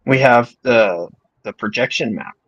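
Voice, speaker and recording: A man's voice: medium pitch, unhurried, fairly bright tone. Young man on dull lo-fi call audio. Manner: thinks aloud, jokey asides. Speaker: co-host answering questions. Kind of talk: casual chat over video call. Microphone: video call mic.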